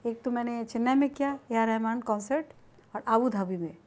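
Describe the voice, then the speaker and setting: A woman who is a playback singer, guest on a talk show, chatting in an unhurried, soft-spoken way and sometimes breaking into song. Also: a little high. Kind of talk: casual conversation with some singing.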